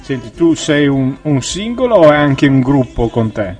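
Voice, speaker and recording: A man's voice: medium pitch, big pitch swings, normal speed, a little mellow, faint music behind. A man hosting a casual radio interview, asking short questions and giving many brief acknowledgements. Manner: brief friendly prompts, many short backchannels. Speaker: radio host.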